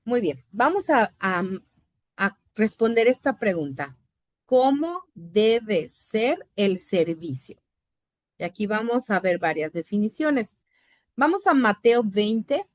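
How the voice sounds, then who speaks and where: A woman's voice: mid-range voice, dry recording, studio quality. A middle-aged woman teaching a Bible institute class, explaining terms step by step and often checking in with her students. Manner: explanatory, asks "¿verdad?" often.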